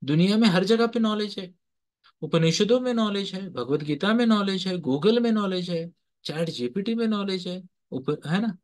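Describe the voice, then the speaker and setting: Male teacher-counsellor, slightly high voice, motivational storyteller who quizzes his class and code-switches between Hindi and English. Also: expressive, normal speed. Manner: quizzes listeners with repeated questions; mixes Hindi with English phrases.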